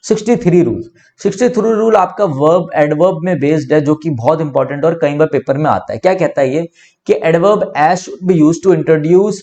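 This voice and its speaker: Teaching English grammar online, a young Indian-accented man goes through each step methodically, questioning and answering himself. He speaks at a moderate pace in a fairly high voice with a dark tone.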